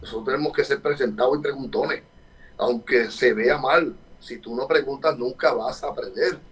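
A man talks in a relaxed interview as a photographer who teaches workshops. He drives his points home by repeating them and leans on frequent fillers, his voice sitting at an ordinary middle pitch. He sounds a little distant from the microphone. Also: normal speed. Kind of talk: casual interview talk.

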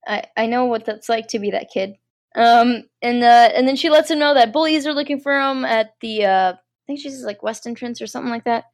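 A woman's voice: on the high side, brisk. Chatty eighteen-year-old woman, rambling recap. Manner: rambling, filler-heavy, self-deprecating. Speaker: podcast co-host. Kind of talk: casual movie recap chat.

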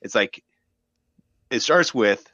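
A low-voiced man on a podcast who muses aloud and hedges his points, using "like" again and again. The recording is dry and slightly dull. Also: expressive, takes it slowly, pushed and bright, no echo. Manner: thoughtful, hedging, many "like"s. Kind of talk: casual discussion.

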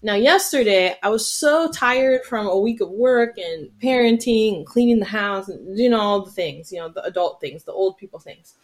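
A middle-aged woman chatting on a podcast. She tells her story in a playful, animated way and jokes as she goes. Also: mid-range voice, normal speed, few pauses. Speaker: podcast co-host. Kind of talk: casual chat.

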